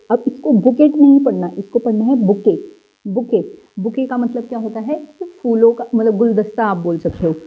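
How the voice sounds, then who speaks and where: Lady teacher walking little kids through a worksheet, smooth clear voice, kinda dull lo-fi sound. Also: medium pitch. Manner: patient, repeats words slowly, asks and answers own questions. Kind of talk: worksheet lesson for young children. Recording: slightly dull, lo-fi audio.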